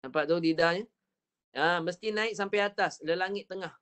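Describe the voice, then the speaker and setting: A man with a Malaysian Malay accent teaching Quran recitation in an online class, patiently modelling each sound slowly and repeating it. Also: sits high, fairly bright tone, clean tone. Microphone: online video call.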